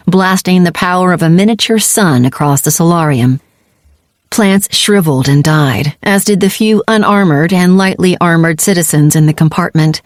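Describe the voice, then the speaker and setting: Brief: woman audiobook narrator, lowish voice, dry close sound, steady delivery. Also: no room sound. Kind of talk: scripted narration.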